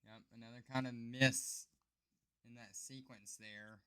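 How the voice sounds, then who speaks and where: A man's voice: mid-range voice, steady tone, a little slow, fairly bright tone. A man giving play-by-play commentary on a card game match, explaining each play as it happens.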